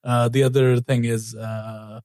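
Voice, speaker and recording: A man co-hosting a podcast in a relaxed, chatty way, laughing often. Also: medium pitch, measured pace, dry recording. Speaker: podcast co-host. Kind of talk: casual podcast chat.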